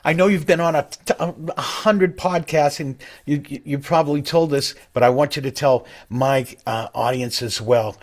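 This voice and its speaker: A man's voice: on the high side, fairly even intonation, normal speed, few pauses. A man hosting a casual podcast interview, enthusiastic and asking long, rambling questions. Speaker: podcast host.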